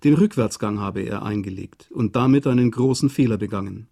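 Male narrator, scripted documentary read, measured, mellow and dark. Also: fairly low pitch, vocal fry, husky. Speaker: radio narrator.

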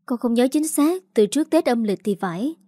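Woman voicing a scared young daughter, soft and tearful, in a dry storybook read. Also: a little high, lively intonation, a little fast, no echo. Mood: timid.

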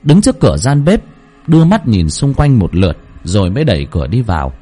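A man narrating a horror story dramatically, with sweeping swings in pitch. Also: big pitch swings, a little fast, warm tone, husky.

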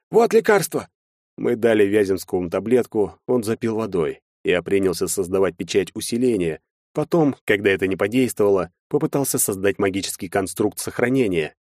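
A man reading a first-person audiobook in steady, measured storytelling on a close mic. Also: lowish voice, dry recording. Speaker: audiobook narrator.

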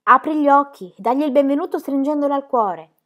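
Woman playing a softhearted male pastor, emotional, somewhat raised voice. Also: sits high, brisk, dull audio, voice pushed up. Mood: tender. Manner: emotional, tender. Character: tender, moved middle-aged male village pastor.

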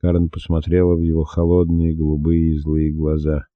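A man narrating an audiobook in a measured, steady reading. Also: a bass voice, dry recording. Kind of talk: scripted narration. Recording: dull dry lo-fi recording.

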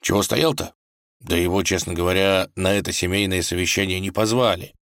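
A man's voice: low-pitched, steady tone, fairly quick, a bit bright, dry recording, studio quality. A man narrating a fairy tale in a playful storytelling manner.

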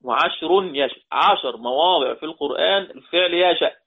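A man with an Egyptian Arabic accent and a somewhat high, husky voice teaches Quran recitation rules, quoting verses slowly, then explaining them quickly in colloquial speech while quizzing his students. The audio sounds tinny and phone-like.

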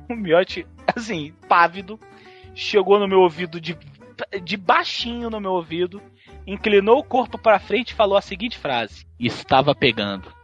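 A male podcast host tells a crude, funny story in a very high, husky voice. He bounces around in pitch as he gets excited. The audio is dull and lo-fi, with faint music behind him. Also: a little slow. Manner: excitable, crude, mimics people. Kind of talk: comic storytelling.

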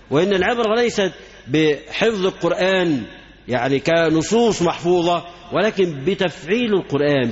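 A man with an Egyptian accent giving a religious lecture, repeating himself and asking rhetorical questions. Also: fairly high pitch. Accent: Egyptian Arabic. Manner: repetitive, asks rhetorical questions. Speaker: Islamic lecturer. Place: lecture hall. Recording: echoey hall, dull lo-fi sound.

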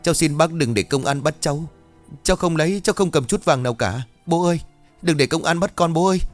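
A man's voice: medium pitch, expressive, moderate pace, faint music behind, close to an everyday voice. A man voicing a frightened young village man who sobs and stammers as he begs not to be arrested. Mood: pleading. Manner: pleading, sobbing, stammering.

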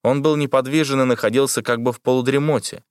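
A man narrating an audiobook in a steady, measured way. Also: medium pitch, clean tone, no echo, studio quality. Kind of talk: scripted narration.

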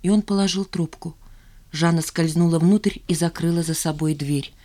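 A woman reading a novel aloud in a measured narration. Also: lowish voice, steady tone, mellow. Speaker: audiobook narrator. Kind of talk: scripted narration.

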